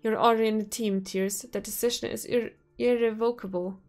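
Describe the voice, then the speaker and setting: A manipulative male professor speaks with calm, coaxing menace, as a woman reads him aloud. His lines stay level and restrained, never rising much in pitch. Quiet music plays behind the reading. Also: a little fast, lightly acted. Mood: menacing. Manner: smooth, coaxing, coldly threatening. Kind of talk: visual novel read-aloud.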